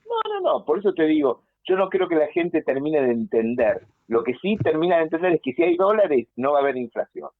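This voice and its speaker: A man with an Argentine accent, a political consultant speaking by phone in an animated, analytical way on a radio interview. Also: a little high, brisk, creaky, hardly any pauses, no room sound. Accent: Argentine Spanish. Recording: tinny dry phone line.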